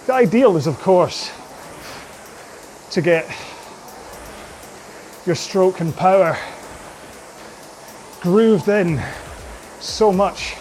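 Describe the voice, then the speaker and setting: A man coaching an indoor rowing workout, giving slow, measured cues about posture and pace. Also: sits high, darkish tone, slight background noise.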